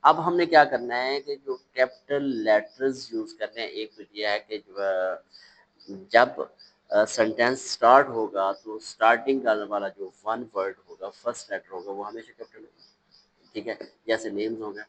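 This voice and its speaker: A man teaching a children's English lesson, reading English words slowly and explaining them, with hesitations and self-corrections. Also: on the low side, a bit bright, rough recording.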